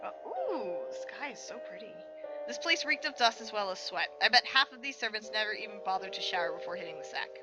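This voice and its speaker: Over game music, a fast-talking woman with a lively, medium-pitched voice narrates visual novel text with plenty of expression. She's hosting a game preview and keeps breaking in with casual, reactive commentary.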